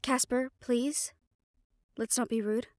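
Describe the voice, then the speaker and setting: A woman slowly voices a householder who makes friends with ghosts for an audio roleplay drama, sounding calm, protective, and gently firm yet reassuring. Her voice is on the high side, and the recording is dry and studio quality.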